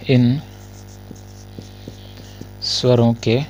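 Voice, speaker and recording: A male Hindi grammar teacher in a casual lesson. He asks his students questions, answers them himself, and often coughs and clears his throat. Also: medium pitch, a bit bright, slight background noise.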